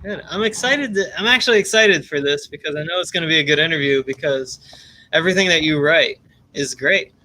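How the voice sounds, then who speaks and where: A man's voice: fairly high pitch, fairly quick, pushed and bright. A man hosting his own livestream, chatting loosely with many fillers and restarts. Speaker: livestream host. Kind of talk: casual livestream chat.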